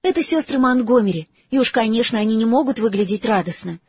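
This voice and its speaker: A man voicing a clever, bossy teenage girl in an audiobook, brisk and earnest. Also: very high-pitched, animated, a little mellow, breathy edge, no echo, voice pushed up, heavily acted. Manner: brisk, earnest, a little lecturing. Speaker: audiobook character voice. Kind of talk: audiobook character reading. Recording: slightly dull, dry recording.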